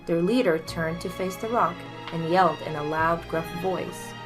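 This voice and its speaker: A woman reading a folktale aloud in a measured, expressive storytelling manner. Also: lowish voice, over music.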